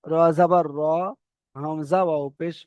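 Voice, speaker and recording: A man teaching Quran reading, spelling out syllables slowly one by one and often checking that the students follow. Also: fairly high pitch, fairly even intonation, a little mellow, no echo. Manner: slow, drawn-out letter-by-letter spelling with repeated checks. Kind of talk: spelling-out recitation lesson.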